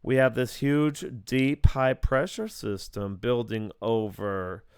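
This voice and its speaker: A man's voice: medium pitch, slow pace, clear, resonant tone, no echo, clean studio sound. A man giving an informal, unscripted weather forecast as an amateur, thinking aloud in a plain-spoken, opinionated way. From Southeast Florida, US.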